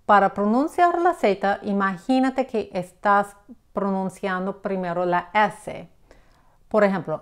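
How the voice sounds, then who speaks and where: Slow patient woman teaching pronunciation. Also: medium pitch. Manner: patient, repeats examples, checks with "ok?". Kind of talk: slow explanatory lesson.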